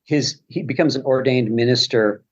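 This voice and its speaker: A man's voice: mid-range voice, normal speed, slightly rough, highs cut off. A man speaking as a podcast guest, rambling casually with many restarts. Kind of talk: casual conversation.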